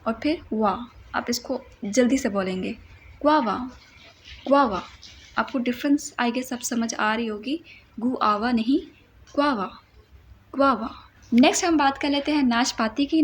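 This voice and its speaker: A woman teaching English words in a playful way, repeating each word slowly so it can be copied. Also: fairly high pitch, darkish tone, a little hiss or hum. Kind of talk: vocabulary lesson.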